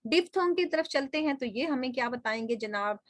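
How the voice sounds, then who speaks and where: A woman's voice: sits high, lively intonation, a little fast, no room sound, studio quality. A woman teaching linguistics in a recorded lecture, explaining step by step, asking rhetorical questions and telling students what to underline.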